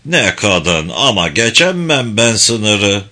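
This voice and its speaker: A man voicing a drunk, slurring male cartel boss who talks slowly in broken phrases. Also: fairly low pitch, very animated, sharp tone, exaggerated voice. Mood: mocking. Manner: slow, slurred, broken speech.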